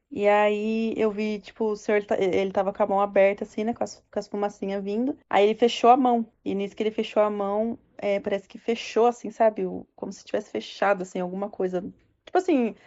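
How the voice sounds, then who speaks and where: A woman gives a personal testimony of a religious vision, halting and filling her talk with fillers and restarts. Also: medium pitch, mellow. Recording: dull lo-fi recording.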